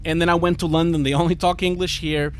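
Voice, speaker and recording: Speaking fast in a slightly high, level voice, with a bit of hiss or hum in the recording, a Portuguese-accented man of about forty from Portugal streams himself gaming and answering his audience. He's a visual effects artist whose talk is rambling, easily sidetracked, informal and full of swearing.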